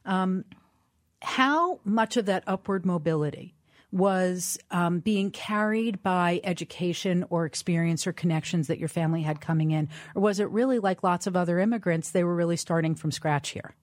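A woman's voice: lowish voice, normal speed, no room sound, clean studio sound. A woman hosting an interview podcast, asking attentive, encouraging questions. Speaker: podcast host.

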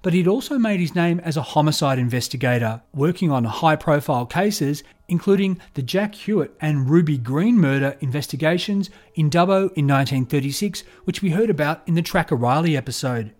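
A man narrating a true crime story in a measured, scripted storytelling delivery. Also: on the high side, lively intonation, darkish tone.

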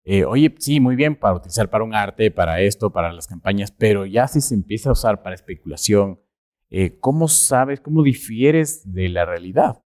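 Halting low-voiced podcast host. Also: male voice, lively intonation, a little mellow. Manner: halting, repeats words, often asks for agreement. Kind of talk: casual podcast conversation.

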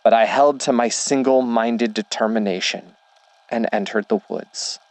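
A man reading a first-person horror story as a scripted narration, in a measured, deliberate way. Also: mid-range voice, no room sound.

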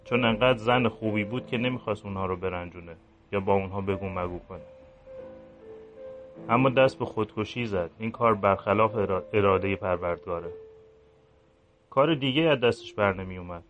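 Man voicing a remorseful old village priest, low subdued murmur, deep voice, faint music behind, audiobook reading. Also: fairly bright tone, lo-fi sound, lightly acted. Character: guilt-ridden older village priest, brooding.

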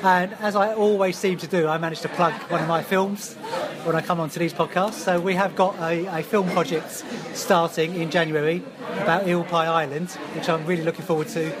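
High-voiced man amid crowd chatter. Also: little pitch movement, a little fast. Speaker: podcast guest, football fan. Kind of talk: casual chat. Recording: noisy crowd chatter behind.

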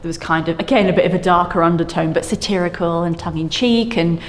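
A woman's voice: fairly low pitch, fairly even intonation, fast. Woman chatting in a reverberant hall. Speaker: artist being interviewed. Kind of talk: casual conversational interview. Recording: reverberant hall with background noise.

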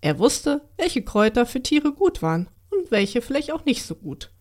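A woman reading a children's Christmas story aloud in a calm, expressive storytelling manner. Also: sits high, moderate pace.

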